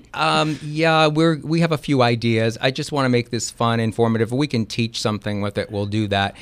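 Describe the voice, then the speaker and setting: A man's voice: mid-range voice, normal speed, no room sound. A man, an attorney, chatting casually in a radio interview, rambling with frequent ums and laughs.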